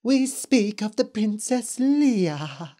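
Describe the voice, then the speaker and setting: A man voicing an eerie, flattering ghost witch in a slow, sing-song manner. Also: medium pitch, voice pushed up. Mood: cool.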